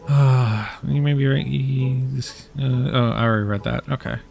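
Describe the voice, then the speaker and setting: A man's voice: mid-range voice, steady tone, moderate pace, vocal fry, darkish tone, soft background music. A man streaming a game, reading its dialogue aloud and rambling with self-mocking jokes.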